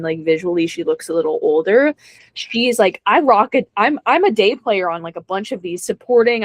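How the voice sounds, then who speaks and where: With a lowish voice and no room sound, a young adult actress appears as a guest in a casual interview chat. She is self-deprecating and laughs frequently.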